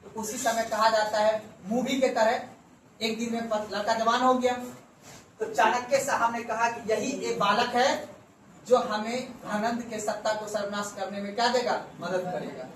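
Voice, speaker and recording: A man with a fairly high voice teaching history to a class, posing questions and answering them himself as he goes. He repeats key words to drive them home. The sound comes from a distance in a reverberant room, with a faint hum underneath. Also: fairly bright tone. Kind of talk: classroom lecture. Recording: echoey room from far off with faint background hum.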